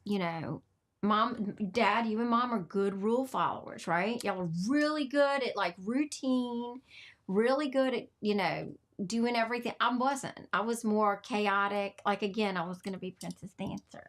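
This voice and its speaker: A middle-aged woman, hosting a podcast and telling an emotional story. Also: mid-range voice. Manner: animated storyteller, emotional and laughing. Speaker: podcast host. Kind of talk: casual heartfelt chat.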